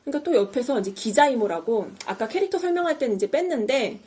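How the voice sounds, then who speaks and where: A woman hosts a talk podcast in a casual, storytelling manner. Her voice sits a little high and swings widely in pitch as she acts out the lines she retells. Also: lively intonation, fast talker, dark tone. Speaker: podcast host.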